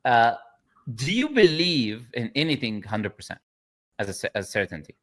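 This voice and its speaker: A man's voice: medium pitch, sing-song, moderate pace, fairly bright tone. A man hosting a debate on a video call, speaking firmly and insistently, repeating his points. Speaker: host.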